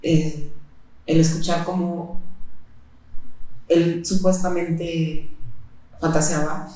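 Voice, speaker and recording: A woman recounts her experiences in an interview, speaking in a flat, even tone. She talks haltingly, filling her pauses with hesitations. The recording is heavily echoey. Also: on the low side. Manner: halting, with frequent fillers and pauses. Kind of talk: personal testimony in interview. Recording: very echoey room.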